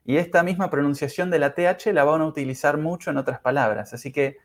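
A man teaching English pronunciation in a podcast lesson, speaking carefully and demonstrating sounds slowly. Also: on the high side. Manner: slow, careful, exaggerated pronunciation drills.

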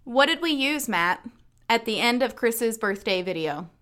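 A woman co-hosting a chatty podcast, emphatic and opinionated as she mock-rants. Her voice sits high and bright, with lively swings in pitch. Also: measured pace. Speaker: podcast co-host. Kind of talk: casual chat.

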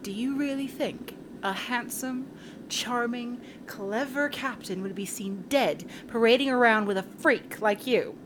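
A woman's voice: a little high, unhurried, natural voice. A woman voicing a vain, pompous female diva singer who is condescending and cruel, in a comedy audio drama. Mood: mocking. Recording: audible background noise.

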